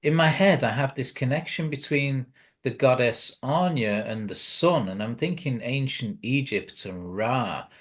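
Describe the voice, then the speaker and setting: Male interviewer, average pitch, informal, tentative conversational delivery. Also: expressive, a little slow.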